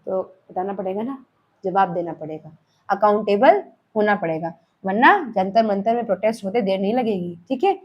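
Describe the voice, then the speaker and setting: A woman's voice: medium pitch, lively intonation, normal speed, dull audio. A young woman with an Indian accent, giving a classroom lecture that mixes Hindi and English. She talks to her students conversationally and keeps checking in with them. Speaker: teacher.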